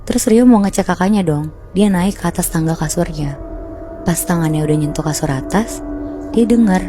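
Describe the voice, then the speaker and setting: A woman's voice: on the low side, normal speed, dark tone, soft background music. A woman casually telling a horror story to friends on a podcast, chatty and slangy, calling her listeners by nicknames.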